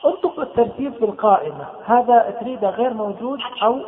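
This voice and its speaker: High-voiced man teaching over a tinny line. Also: expressive, quick pace, noisy background. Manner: explains step by step, repeats key terms. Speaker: instructor. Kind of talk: screen-reader software tutorial. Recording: tinny phone-like sound with long reverb.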